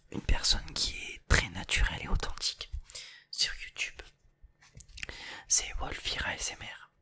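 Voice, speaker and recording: An ASMR video creator from southern France, with a light accent from the region, whispers an informal, unscripted chat directly to viewers. The voice is deep and husky, with a bright, forceful tone.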